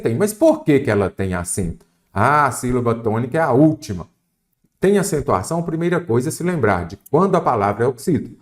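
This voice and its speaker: A Brazilian man teaches an exam-prep grammar lesson, and his voice rises and falls a great deal as he explains. He sits in the middle of the male pitch range. He talks with energy, asks his own questions and answers them at once. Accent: Brazilian Portuguese. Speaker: Portuguese teacher.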